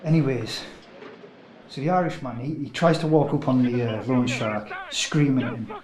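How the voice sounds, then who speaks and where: An actor playing a witness who recounts a kidnapping in a hesitant, casual way. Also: male voice, medium pitch, normal speed, darkish tone, echoey room, a little hiss or hum, natural voice, rough recording. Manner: hesitant, casual, filler-heavy.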